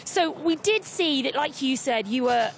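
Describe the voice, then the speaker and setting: A woman interviewing an athlete trackside, asking warm, encouraging questions. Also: sits high, expressive, measured pace, a little hiss or hum. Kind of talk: live post-race interview.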